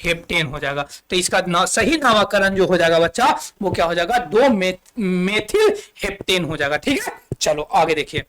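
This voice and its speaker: A man with a Bihari Hindi accent teaches school chemistry in a classroom-style video lesson. He keeps repeating key terms and firing questions back at his pupils before answering them himself. He counts aloud slowly as he works through the board. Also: high-pitched, fairly bright tone.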